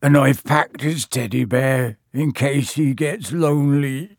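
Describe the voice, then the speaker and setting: A man voicing a gruff, sentimental giant gamekeeper who dotes tearfully on his pet in a storybook reading. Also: a little high, very animated, unhurried, darkish tone, dry recording, clean studio sound, voice pushed up, full character voice. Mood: sobbing, tender. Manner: tearful, doting.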